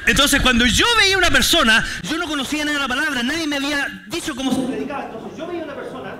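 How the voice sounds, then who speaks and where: A Chilean pastor preaching a sermon in church, telling stories with jokes and street slang. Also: male voice, very high voice, racing, very noisy. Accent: Chilean Spanish. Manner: animated, joking storytelling with street slang.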